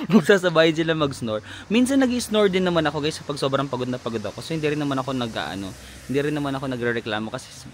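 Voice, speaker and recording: A man's voice: mid-range voice, a bit bright, a little hiss or hum. A man, chatting animatedly in a casual travel vlog outdoors, laughing often. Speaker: travel vlogger. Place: outdoors in a lakeside village.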